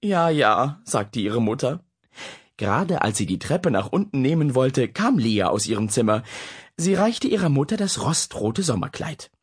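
A narrator reading a children's book aloud with expressive storytelling. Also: mid-range voice, moderate pace, breathy edge. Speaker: audiobook narrator.

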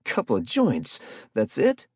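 A man's voice: medium pitch, huge pitch swings, unhurried, slightly rough, no room sound, clean studio sound, voice pushed up, exaggerated voice. A man voicing a menacing adult street hustler who bullies and robs, in swaggering slangy speech, for a spoken story. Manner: swaggering slangy street talk, pushy and loud.

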